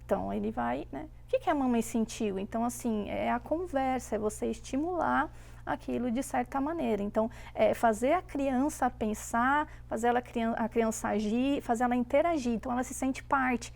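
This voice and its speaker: Woman with a creaky, higher voice. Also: normal speed. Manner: animated storytelling with voiced quotes. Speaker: guest mother. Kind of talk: casual chat.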